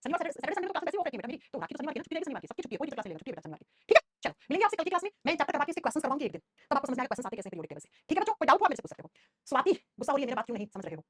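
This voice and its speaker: A woman teaching a live online science class, quizzing her students with quick repeated questions. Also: high voice, very animated, a bit bright, dry recording.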